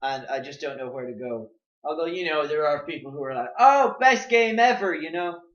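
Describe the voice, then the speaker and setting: A young man co-hosting a casual gaming podcast, rambling with lots of fillers. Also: brisk. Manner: rambling, lots of "like", jumps up and down in pitch. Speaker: podcast co-host. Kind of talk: casual chat. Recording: echoey room, muffled lo-fi mic.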